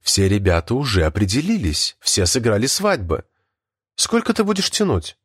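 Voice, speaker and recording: A man's voice: lowish voice, huge pitch swings, moderate pace, husky, dry recording, clean studio sound, heavily acted. A man reading an audiobook, voicing a stern, cutting female schoolteacher.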